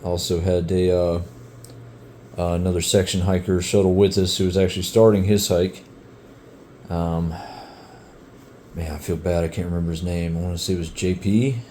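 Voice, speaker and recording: Deep-voiced laid-back man vlogging. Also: flat delivery, normal speed, dark tone, a little hiss or hum. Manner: laid-back, with many fillers. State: out of breath. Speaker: hiker and vlogger. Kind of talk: casual vlog chat. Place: outdoors on a trail.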